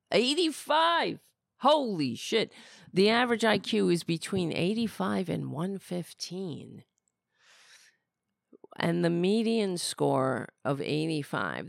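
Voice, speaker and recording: This is casual political talk from a middle-aged woman who hosts a podcast and is losing her voice; she rambles and is blunt and sardonic. Her low, gravelly voice comes through a dry, clean studio recording.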